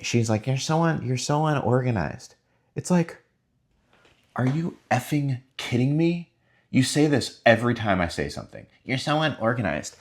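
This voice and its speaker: A man vlogging casually about his life, talking in a rambling, frustrated way. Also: medium pitch. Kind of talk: casual self-filmed vlog.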